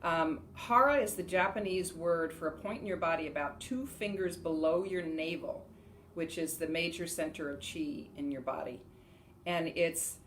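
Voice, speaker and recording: A woman's voice: on the low side, slight background noise. A middle-aged woman casually teaching breathing exercises to camera, chatty and laughing often, from a home room on a camera mic. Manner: chatty, laughs often, loud rhythmic "ha" shouts during exercises. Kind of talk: casual instructional talk to camera.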